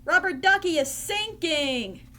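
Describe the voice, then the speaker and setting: A woman voicing Ernie, an excitable, playful puppet boy from a storybook, who breaks into high, loud outbursts. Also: takes it slowly, a little hiss or hum, exaggerated voice. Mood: alarmed.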